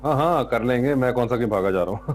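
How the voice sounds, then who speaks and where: An actor voices a young man with a Pakistani Urdu accent who dodges his friends' invitations. He is breezy but evasive, with an edge of irritation, at a middle pitch, while drama music plays behind him. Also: animated, fast talker, close to an everyday voice. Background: background music.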